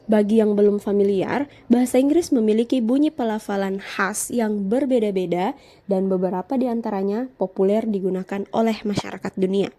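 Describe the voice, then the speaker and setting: A woman lecturer giving a measured, explanatory scripted lesson narration. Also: medium pitch, mellow.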